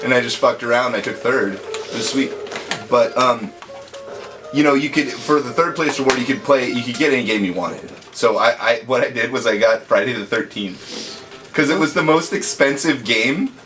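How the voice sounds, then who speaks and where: A man's voice: medium pitch, moderate pace, poor audio. A young man hosting a gaming chat, telling rambling stories with casual swearing. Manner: rambling storyteller, swears freely, laughs often. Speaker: host and gaming commentator. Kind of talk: casual chat over gameplay. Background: retro game music.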